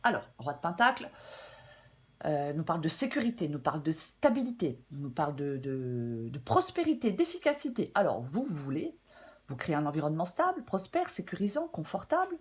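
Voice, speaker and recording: A slightly hoarse woman giving a casual, chatty weekly tarot reading, with many fillers and some throat clearing. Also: deep voice, darkish tone. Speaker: tarot reader.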